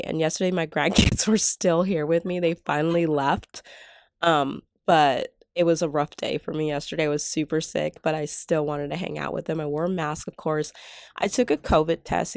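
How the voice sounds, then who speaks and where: Gravelly and deep, this middle-aged woman's congested voice comes through a dry, studio-quality recording. A couponing vlogger with a cold, she films a tabletop close-up at home and walks through a casual gift-basket tutorial in a chatty, step-by-step way full of fillers.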